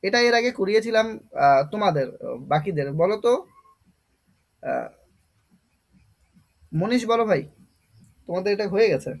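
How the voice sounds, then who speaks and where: A man's voice: high voice, lively intonation, a little slow, creaky, pauses often. A male teacher giving an online vocabulary class, repeating each term several times, spelling words out letter by letter and coaxing his students to answer. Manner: asks students questions and coaxes answers.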